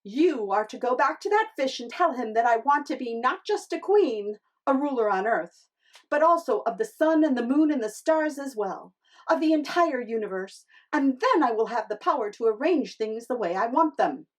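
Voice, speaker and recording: A woman's voice: a little high, lively intonation, moderate pace. A woman voicing a bossy, discontented fisherman's wife in a storybook tale, with a dramatic, exclaiming delivery. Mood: imperious. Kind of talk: storybook character acting.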